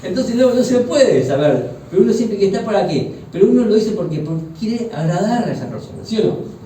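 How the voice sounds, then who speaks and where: Uruguayan pastor preaching in an echoey hall. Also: male voice, high-pitched, sing-song, brisk, mellow, slight background noise. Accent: Uruguayan Spanish. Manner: joking, conversational, asks the congregation questions. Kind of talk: sermon. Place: church hall. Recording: echoey church hall from far off.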